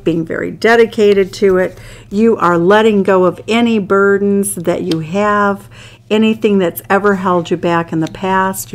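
An Irish woman reading tarot cards to camera, enthusiastic and exclaiming over each card as she turns it. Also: medium pitch. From Ireland. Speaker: tarot reader. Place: indoors at a card table. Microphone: hands only seen, overhead camera on table.

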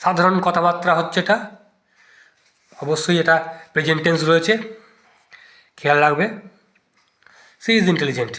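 A male teacher talks through exam questions option by option, reasoning aloud as he rules each one out. His voice is bright and sits a little high. The room around him is echoey. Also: steady tone, moderate pace, long pauses. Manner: thinks aloud, testing each option in turn. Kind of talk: exam-prep lesson explaining grammar answers.

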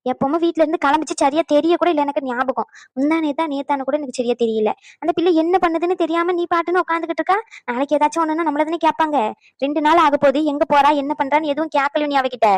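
A woman's voice: sits high, quick pace, no echo, lightly acted. A woman voicing a stern, bossy older mother-in-law in a cartoon who scolds and gives orders. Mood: scolding. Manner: scolding, commanding, sarcastic. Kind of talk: cartoon voice acting.

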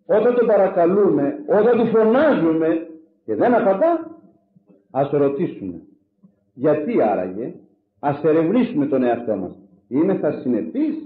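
A Greek man delivers an animated, rhetorical sermon, swinging between loud exclamations and quiet asides. The recording is lo-fi and echoey, like it was captured on a phone.

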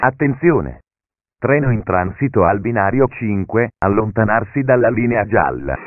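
This is a man's automated train station announcement, delivered in calm, segmented phrases that sound pieced together, with sudden pitch jumps between chunks. The voice sits fairly low. It comes through a narrow, phone-like public address channel with no room sound around it. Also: normal speed, dry recording. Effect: announcement heard as a recorded station PA message. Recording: narrow, phone-like, dry PA audio.

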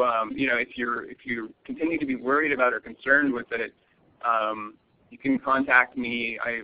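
Guy lawyer on a dull lo-fi webinar, lots of um and uh, hedging everything. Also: mid-range voice. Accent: American. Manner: hesitant, many fillers and restarts, cautious hedging. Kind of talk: answering audience questions in a recorded webinar. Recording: muffled lo-fi webinar audio.

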